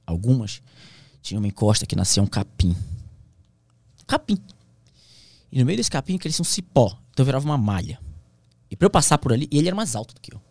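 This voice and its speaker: A man's voice: mid-range voice, a little mellow, dry recording, studio quality. A man, a pilot who is a podcast guest, telling his survival story in a slangy, intense way that sometimes drops to a whisper. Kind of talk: emotional storytelling in casual conversation.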